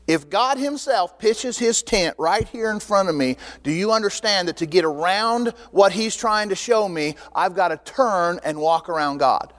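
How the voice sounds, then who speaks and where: High-voiced preaching man, reverberant hall. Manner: animated, conversational preaching with rhetorical questions. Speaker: pastor. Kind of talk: sermon.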